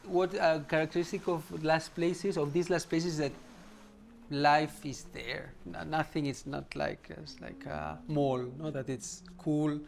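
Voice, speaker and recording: A man's voice: fairly high pitch, steady tone, a little slow, vocal fry, slight background noise. A man giving an explanatory documentary interview, often ending points with a tag question.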